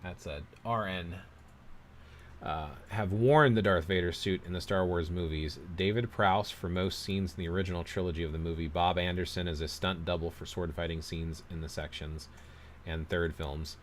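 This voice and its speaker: Man, very deep voice, casual livestream host, rambling opinionated chat, reads viewer comments. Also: fairly even intonation, normal speed, slight background noise. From United States. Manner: rambling, opinionated, self-deprecating.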